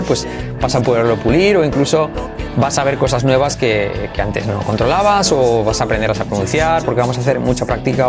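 Upbeat man drilling English phrases. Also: mid-range voice. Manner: switches between English and Spanish, repeats phrases slowly for drilling; upbeat, encouraging. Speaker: English teacher and channel host. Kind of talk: online language lesson.

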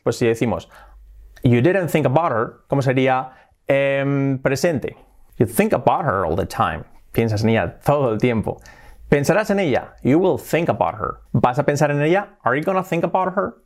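A man's voice: mid-range voice, lively intonation, moderate pace. A man teaching an English lesson, asking questions to his learners and answering them himself, with short laughs between examples. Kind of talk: language lesson.

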